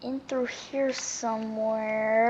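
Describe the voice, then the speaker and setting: High-voiced woman chattering through gameplay, muffled mic. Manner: chatty running commentary, often talking to self; volume swings from muttering to loud exclamations. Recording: dull lo-fi microphone sound.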